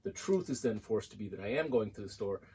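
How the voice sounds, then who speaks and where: Low-voiced man lecturing at a board. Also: big pitch swings, fast, warm tone, slightly rough, rough recording. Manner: conversational, explains with everyday examples. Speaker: college math instructor.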